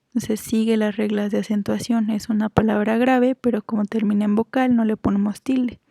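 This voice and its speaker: A woman's voice: medium pitch, little pitch movement, normal speed, gravelly, mellow, dry recording. A woman teaching a grammar lesson, patiently explaining rules and stretching out example words one by one. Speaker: Spanish teacher.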